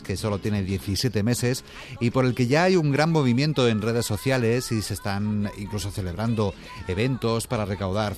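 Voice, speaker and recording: A male radio host reads a smooth, polished introduction in a mid-pitched voice. Soft music plays faintly under him.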